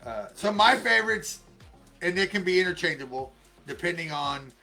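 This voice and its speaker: A man's voice: high voice, expressive, normal speed, creaky, bright, forceful tone, soft background music. A man co-hosting a casual live stream, rambling in a friendly way with many fillers and restarts. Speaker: co-host and life coach.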